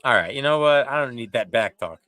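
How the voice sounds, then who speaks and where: Lively New York man, dry close mic. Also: mid-range voice, fairly quick, no echo, poor audio. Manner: animated, joking, mild cursing. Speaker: podcast co-host. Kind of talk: casual chat reviewing a wrestling show.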